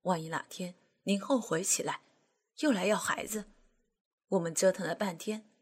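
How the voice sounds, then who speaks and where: A woman's voice: medium pitch, lively intonation, unhurried, breathy edge, full character voice. A woman voicing a smug, scheming male aide. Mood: coaxing. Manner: hushed, coaxing, smug. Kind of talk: audiobook character voice.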